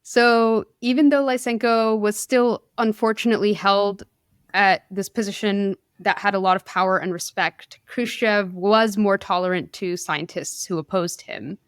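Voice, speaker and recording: A woman's voice: medium pitch, fairly even intonation, unhurried, smooth, no room sound. Chatty woman podcaster, dry close sound. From India. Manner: chatty, laughs often, self-deprecating asides. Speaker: podcast host telling a science story. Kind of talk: casual storytelling chat.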